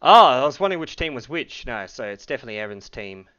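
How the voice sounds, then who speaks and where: Animated man breaking down a game. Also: mid-range voice, fast talker, smooth, muffled recording. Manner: thoughtful, analytical, hedges with "I reckon". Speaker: game commentator. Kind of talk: casual co-commentary.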